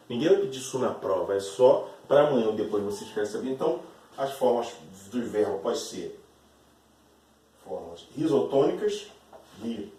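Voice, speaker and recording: Aula gravada num cômodo com eco, de um professor brasileiro de voz grave e mansa. A fala é pausada e didática, cheia de repetições e de um "certo?" constante. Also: male voice, medium pitch, a little mellow. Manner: slow, repeats words, often checks with "certo?". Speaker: teacher. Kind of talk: classroom lesson explaining grammar. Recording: echoey room, voice from a distance.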